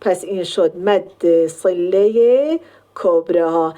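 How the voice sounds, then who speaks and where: A woman with a mellow, dark voice teaches a Quran recitation lesson. She explains each point step by step. She draws out the sample words slowly to show how long each sound is held. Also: on the low side.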